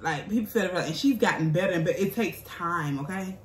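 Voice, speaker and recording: A woman's voice: fairly low pitch, normal speed. A woman in her thirties chatting casually as a vlogger, blunt and emphatic, sassy in how she answers viewer comments. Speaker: vlogger and mukbang host. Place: indoors, small bare-walled room at home. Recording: roomy echo, faint background noise.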